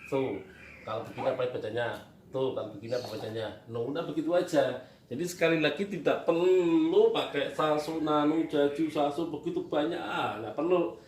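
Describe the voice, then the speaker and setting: A man's voice: a little high, fairly quick, a little mellow. Man, patient teacher, repeats himself, distant mic, faint background hiss. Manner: patient, repetitive, asks and answers his own questions. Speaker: Quran reading teacher. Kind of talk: whiteboard reading lesson. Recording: echoey room, distant mic, faint noise.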